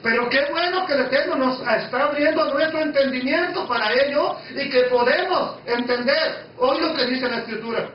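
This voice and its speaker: A man's voice: very high-pitched, normal speed, few pauses, heavy reverb, recorded from a distance, highs cut off. A man preaching a Bible study, emphatic and conversational, who keeps asking his listeners questions.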